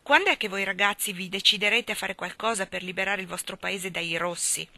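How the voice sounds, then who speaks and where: A woman reading aloud, voicing a loud, brash, small American newspaper editor who booms and bullies. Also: brisk, creaky, dry recording. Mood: blustering. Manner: booming and overbearing.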